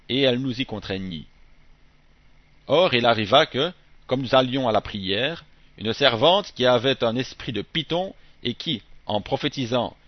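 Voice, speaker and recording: Guy reading the bible aloud, steady short phrases, dry dull-sounding recording. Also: medium pitch, no room sound. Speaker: scripture reader.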